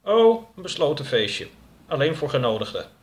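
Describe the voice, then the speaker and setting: A man's voice: fairly high pitch, sing-song, moderate pace, pitched above the performer's own voice. A man voicing a guarded, curt woman who organizes a private party. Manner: curt, dismissive.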